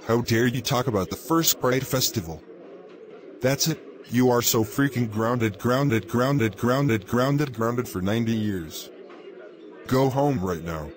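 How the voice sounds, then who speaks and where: A man's voice: mid-range voice, measured pace, lightly acted. A man voicing a bossy adult figure who keeps grounding others, repeating the same words over and over in a comic cartoon. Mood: angry. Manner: repetitive, chanting strings of the same word. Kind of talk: comedic grounded-video animation voice.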